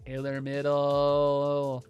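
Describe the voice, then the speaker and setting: A man's voice: on the high side, monotone, extremely slow, a little mellow, smooth, highs cut off, faint music behind. Chatty young man on a livestream headset mic. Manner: chatty, thinks aloud, lots of "like". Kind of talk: casual livestream chat while building in a game.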